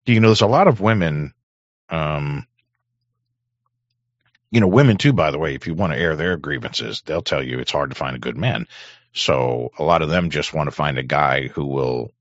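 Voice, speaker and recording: Host, middle-aged man, extremely low, hoarse voice, rambling profane monologue on a dry, dull-sounding studio mic. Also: normal speed, dry recording. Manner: rambling, profane, frequent throat-clearing. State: hoarse throat. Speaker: show host. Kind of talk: casual on-air monologue. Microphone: studio microphone.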